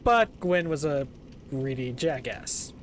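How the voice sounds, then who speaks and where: A man's voice: medium pitch, expressive, takes it slowly, a little hiss or hum. A man chatting casually on a live gaming stream as its host, playful and jokey with theatrical greetings. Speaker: variety gaming streamer and VTuber.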